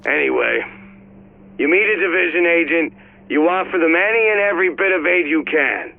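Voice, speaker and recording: An actor playing a blunt, weary police commander who briefs his officers in a gruff manner. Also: a little high, expressive, normal speed, no room sound. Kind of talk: game audio log. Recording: tinny radio-like recording.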